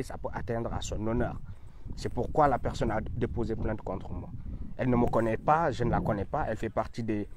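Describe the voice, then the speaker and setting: Man with a low voice. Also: a little mellow. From Senegal. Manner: emphatic, repetitive, frequent hesitations. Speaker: online commentator. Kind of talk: direct-to-camera address.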